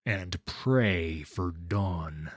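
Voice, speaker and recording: A man's voice: sits low, extremely slow, dry recording, clean studio sound, voice pushed down, exaggerated voice. A man playing a terse, grim monster hunter. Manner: terse, commanding.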